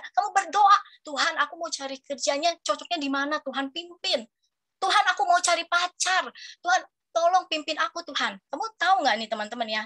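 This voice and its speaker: A woman, giving a lively youth sermon and often asking her listeners questions. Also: high-pitched. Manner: animated and chatty, asks the audience questions. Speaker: youth preacher.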